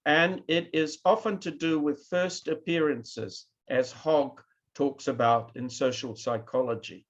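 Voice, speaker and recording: Giving a keynote to a live online conference audience, a man with a New Zealand accent speaks in a slightly high, steady voice at a somewhat slow pace, occasionally asking for reactions. The audio sounds dull.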